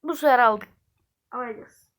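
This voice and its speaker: A woman hosting a gaming channel, giving excitable, slangy live commentary and trash-talking the game as she plays. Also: a little high, moderate pace. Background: game music.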